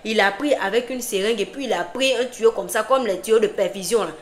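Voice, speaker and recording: A woman telling a story in a casual, lively, repetitive conversational way. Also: fairly high pitch, fairly quick. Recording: roomy with faint background ambience.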